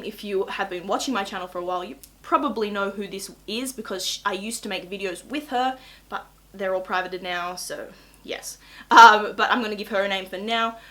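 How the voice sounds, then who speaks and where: A nineteen-year-old Australian woman telling a casual storytime to camera in a chatty, gossipy, excitable way with dramatic emphasis. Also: medium pitch. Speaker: YouTube vlogger.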